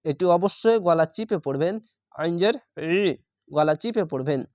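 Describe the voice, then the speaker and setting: A man's voice: fairly high pitch, animated, normal speed, darkish tone, no room sound, studio quality. A man teaching Quran reading, spelling out each word syllable by syllable, stretching the vowels and repeating them patiently before explaining the rules.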